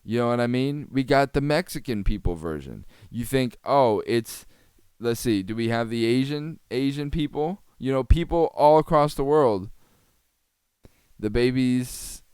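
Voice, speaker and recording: A man's voice: mid-range voice, a little mellow, smooth, dry recording, clean studio sound. A man hosting a podcast, giving sarcastic, rambling comedic commentary on a TV clip and laughing often. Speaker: podcast host.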